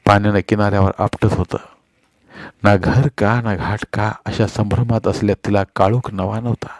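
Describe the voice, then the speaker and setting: A man reading a novel aloud as an audiobook narrator, slow, sorrowful and expressive. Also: on the low side, no echo.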